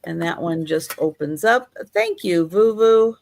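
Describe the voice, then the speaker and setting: A woman hosting a live sale as the auctioneer, describing items in an unhurried, chatty, measured way. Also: lowish voice, lively intonation, creaky, darkish tone.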